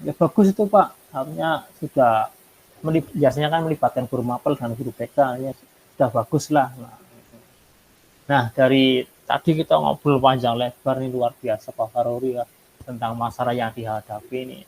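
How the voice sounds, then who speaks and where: A man's voice: mid-range voice, fairly even intonation, moderate pace, darkish tone, slight background noise, poor audio. A man coaching a fellow teacher in a role-played chat, polite and affirming.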